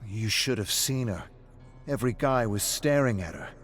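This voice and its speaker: A man voicing a hot-headed, defensive man who brags while drinking in a pub, gruff and snapping. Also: fairly low pitch, lively intonation, moderate pace, soft background music, close to an everyday voice. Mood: boastful.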